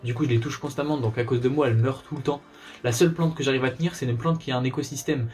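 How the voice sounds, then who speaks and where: A man's voice: medium pitch, steady tone, very fast, darkish tone. A young man from northern France with a mild northern French accent, answering viewer questions in a chatty, slangy, laid-back way. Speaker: YouTuber. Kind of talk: casual Q&A vlog.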